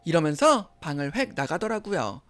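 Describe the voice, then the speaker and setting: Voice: medium pitch, big pitch swings, normal speed, fairly bright tone. Casual horror story narrator, chatty retelling, voice goes up and down a lot.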